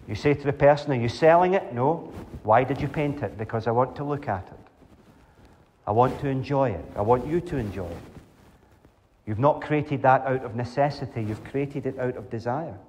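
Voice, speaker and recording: A middle-aged man preaches a sermon at a measured, deliberate pace. He presses his points with rhetorical questions. His mid-range voice carries from a distance through a large church with a long reverb. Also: medium pitch, a little mellow, a little hiss or hum. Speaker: pastor. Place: large church hall with pews and congregation. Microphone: far camera at back of church.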